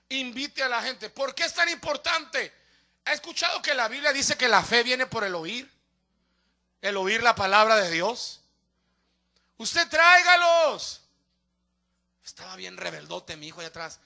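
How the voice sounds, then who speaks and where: A man's voice: high voice, gravelly, bright, forceful tone. A man, a pastor preaching a sermon, telling stories and acting out the people he quotes, building to emphatic appeals. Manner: storytelling preacher who acts out the voices of people he quotes.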